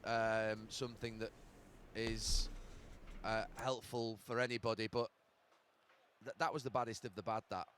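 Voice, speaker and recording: A middle-aged man giving broadcast football analysis, measured and halting, with fillers as he searches for words. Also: medium pitch, slight background noise. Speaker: football pundit.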